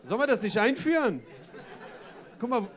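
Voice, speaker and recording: A man's voice: very high-pitched, very animated, normal speed, fairly bright tone, some chatter behind. A man doing a stand-up comedy set on a club stage, chatty and full of wordplay and tag questions.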